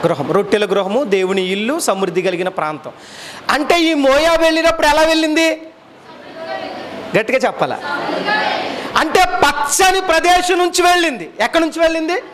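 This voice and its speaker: A male pastor delivers a sermon in a very high voice, asking his listeners question after question. A faint hiss of ambient noise sits behind him. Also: a bit bright. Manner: preaching with questions put to the congregation.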